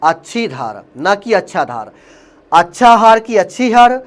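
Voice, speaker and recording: A man's voice: high-pitched, sing-song, measured pace. A man from Uttar Pradesh teaching Hindi grammar for an exam, speaking with a Hindi accent. He keeps asking quiz questions and then answers them himself. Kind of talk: exam-prep lesson.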